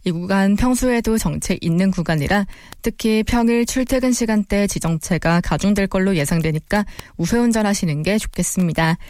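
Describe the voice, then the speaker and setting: A woman's voice: medium pitch, normal speed, few pauses, darkish tone, dry recording. A woman reading a scripted traffic bulletin as a radio reporter. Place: dry broadcast studio.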